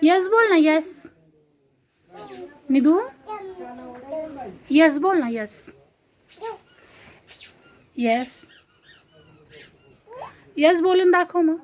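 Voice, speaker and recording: A woman's voice: extremely high pitch, slow, pauses often. A woman with a Marathi accent coaxing a toddler in baby talk, repeating short phrases over and over. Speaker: parent talking to a toddler.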